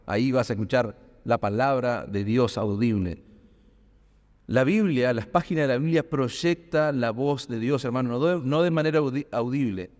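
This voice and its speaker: A pastor preaches a sermon in a church hall, building emphasis through rhetorical questions. His medium-pitched voice has a darkish tone, and the hall adds a long reverb.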